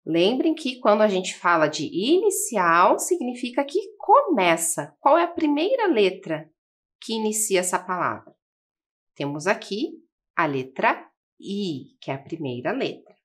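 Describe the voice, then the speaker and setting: Slow, patient Brazilian woman teacher. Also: medium pitch, sing-song. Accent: Brazilian Portuguese. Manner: spells and counts out slowly, asks the viewers questions. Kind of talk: slow, patient classroom lesson for children. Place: classroom-style studio with a table.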